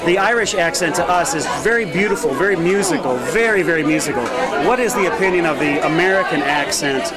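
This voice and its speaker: A man's voice: on the high side, fast talker. A man casually interviewing a local woman in a crowded pub late at night. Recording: loud crowd noise. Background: crowded pub chatter.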